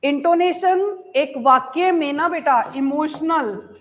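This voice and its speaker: A woman teacher with an Indian English accent and a high voice leads an online class, heard through poor audio. Mixing Hindi and English, she reads key lines slowly, keeps checking whether things are clear, and calls her students "beta".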